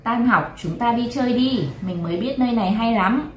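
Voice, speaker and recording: A woman's voice: a little high, normal speed, reverberant, far from the mic, slight background noise, pitched above the performer's own voice, lightly acted, rough recording. A woman voicing a cheerful teenage schoolgirl friend in a read-aloud story, eager and chatty.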